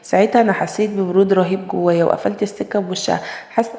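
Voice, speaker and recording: A woman's voice: medium pitch, fairly even intonation, very fast, warm tone. A woman with an Egyptian accent narrating a sorrowful first-person story. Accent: Egyptian Arabic. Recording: echoey room with long reverb.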